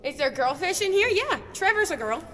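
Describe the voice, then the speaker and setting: A woman's voice: very high voice, sing-song, fairly quick, a bit bright. A young woman giving a chatty, casual guided tour, speaking inside a cave with a long echo. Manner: chatty, addresses the group as guys. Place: inside a large cave, on a boat on an underground lake. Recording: echoing cave with long reverb.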